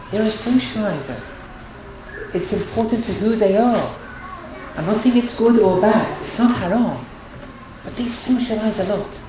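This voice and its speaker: A woman giving an earnest religious lecture on marriage, counselling her listeners and often restarting her phrases. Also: medium pitch. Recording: very echoey hall with noise.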